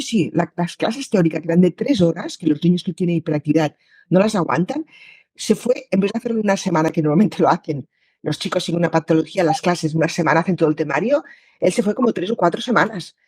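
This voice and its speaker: A woman's voice: lowish voice, fast talker, a little mellow, breathy edge, no room sound. A woman, a mother in the audience, telling a story about her son in a conversational way. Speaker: parent in the audience. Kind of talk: casual chat.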